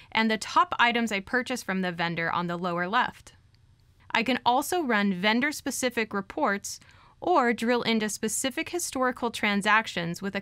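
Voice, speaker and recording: A woman narrating a scripted software product walkthrough in an even, clear instructional manner. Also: a little high, no echo. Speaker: software demo presenter.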